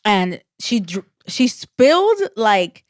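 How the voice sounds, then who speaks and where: A woman's voice: medium pitch, big pitch swings, slow, dry recording, studio quality. A woman co-hosting a podcast in casual chat, rambling with lots of "like" fillers and restarts. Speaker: podcast co-host.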